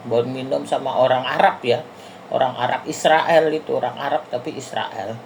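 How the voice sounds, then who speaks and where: A woman's voice: very deep voice, fairly even intonation, moderate pace, vocal fry, slight background noise. A middle-aged woman from Indonesia, casually telling her viewers a rambling travel story and often calling them friends. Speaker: vlogger.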